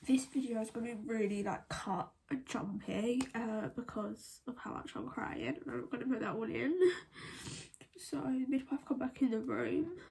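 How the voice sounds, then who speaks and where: A woman telling a personal story to camera while crying and trying to hold back tears, halting and breaking into whispers. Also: a little high, vocal fry, a little mellow, slightly rough. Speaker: vlogger.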